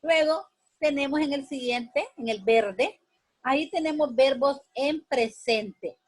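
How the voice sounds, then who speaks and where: A woman with a high-sitting voice speaks slowly in this poorly recorded classroom lesson. She teaches sixth graders, patiently repeating every point and giving the students instructions.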